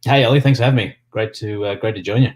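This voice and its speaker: A man with an Australian accent and a fairly low voice talks casually as a podcast guest. He rambles along in loose, meandering sentences, padding them with small filler phrases. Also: fast. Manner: rambling, peppered with "you know" and "sort of". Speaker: podcast guest, sports business executive. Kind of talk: casual interview talk.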